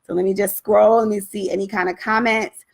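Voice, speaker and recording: A woman with a Brooklyn accent and a slightly husky voice, coaching viewers live in a casual, chatty way and addressing them directly. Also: mid-range voice, fairly even intonation, fairly quick. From Brooklyn, New York. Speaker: writing coach hosting a live session.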